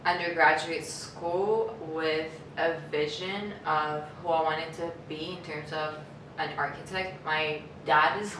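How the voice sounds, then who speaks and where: A young woman from Albania, an architecture student, speaking candidly and reflectively. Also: low-pitched. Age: young adult. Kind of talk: casual interview answers. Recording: echoey room, distant mic, noise.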